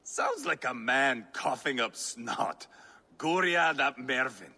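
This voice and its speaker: A man's voice: medium pitch, animated, takes it slowly, sharp tone, slightly rough, heavily acted. A man voicing a brash, scarred Viking warlord who talks in a crude, mocking, taunting way in video game dialogue. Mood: scornful.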